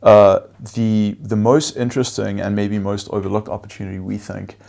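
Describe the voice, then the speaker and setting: In an interview, a man who speaks Afrikaans as his first language answers carefully as a venture investor, often using fillers and laying out points in lists. He has a fairly low, darkish voice with vocal fry and a level tone.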